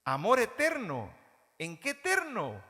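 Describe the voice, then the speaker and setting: A man with a Guatemalan Spanish accent preaching a sermon as pastor, animated, mimicking churchgoers in mocking voices. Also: high voice, slow pace. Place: church hall. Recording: reverberant church hall.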